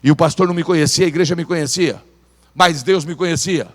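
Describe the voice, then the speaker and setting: A Brazilian pastor preaching a lively sermon in church, urging the congregation to repeat phrases aloud. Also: male voice, fairly high pitch, fast. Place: church sanctuary. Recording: church hall reverb.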